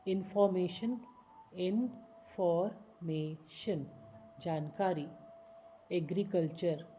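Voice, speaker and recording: A woman teaching spoken English, spelling out long words slowly, syllable by syllable. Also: on the low side, warm tone, a little hiss or hum, poor audio. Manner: slow, syllable-by-syllable spelling and pronunciation.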